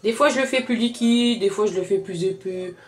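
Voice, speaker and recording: A woman's voice: medium pitch, a little fast. A woman with a Southern French accent, chatting casually as a home cook while she demonstrates a recipe and talks straight to her viewers. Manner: chatty, addresses viewers directly, repeats words often. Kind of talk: casual cooking tutorial. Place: home kitchen.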